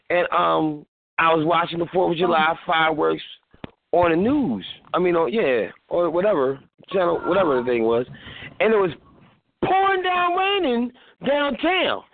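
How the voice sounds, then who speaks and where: High-pitched, animated man on a tinny line. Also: no echo. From Philadelphia. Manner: rambling, animated, acts out quotes. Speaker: radio show host. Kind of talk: casual radio talk.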